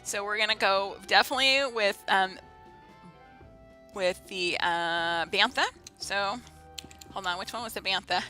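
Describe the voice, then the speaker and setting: A woman's voice: medium pitch, measured pace, pauses often, sharp tone, soft background music. A woman chatting casually and playfully with viewers as she streams a video game, giggly in manner. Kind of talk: casual livestream game commentary and chat.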